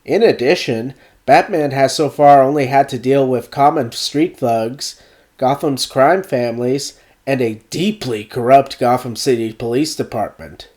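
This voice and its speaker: In a mid-range voice with a somewhat dark tone, a man hosts a video essay, reading out a scripted game review. He's recovering from a cold and keeps his delivery measured and deliberate.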